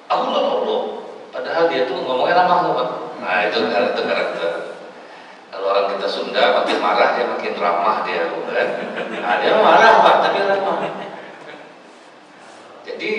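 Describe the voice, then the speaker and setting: A man's voice: sits low, fairly bright tone, a little hiss or hum. A man preaching a humorous sermon in a chatty, joking way, often turning to speak straight to his audience. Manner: chatty, jokey, keeps addressing the audience. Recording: echoey hall, speaker far from mic.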